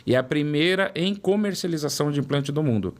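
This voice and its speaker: Expressive and fast, with a slightly high voice, a man in his forties from São Paulo, Brazil, tells his career story as an interview guest. The product development director speaks São Paulo Portuguese and repeats words for emphasis.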